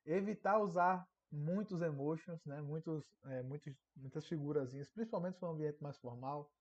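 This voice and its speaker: A man teaching an online course in a casual lecture, often checking in with a quick tag question. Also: on the high side. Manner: conversational, frequent tag questions. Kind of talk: recorded online class lecture. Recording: dull lo-fi audio.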